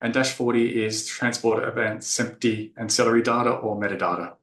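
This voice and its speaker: A man's voice: medium pitch, steady tone, a little fast, fairly bright tone. Australian-born man giving a tech talk. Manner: explanatory, filler-heavy delivery. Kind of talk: technical conference presentation. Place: conference room. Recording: echoey conference room.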